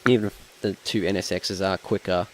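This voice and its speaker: With slight background noise, a young Australian man's low, steady voice moves along fairly quickly as he streams a racing game. He rambles casually, thinking aloud and often leaving sentences unfinished.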